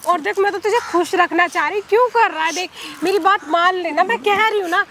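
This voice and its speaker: A woman playing a bright, shrill, domineering aunt. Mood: taunting. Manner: taunting, scolding, rapid questions. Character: domineering married aunt, scheming and threatening. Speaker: actor in a short drama. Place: outdoors in a public place.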